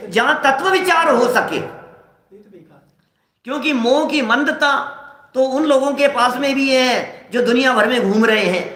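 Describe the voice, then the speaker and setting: Guy preaching in an echoey hall, bright sharp voice, acts out little examples. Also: very high voice. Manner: rhetorical questions and acted-out everyday examples. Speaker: scripture lecturer. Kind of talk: religious discourse to a live audience.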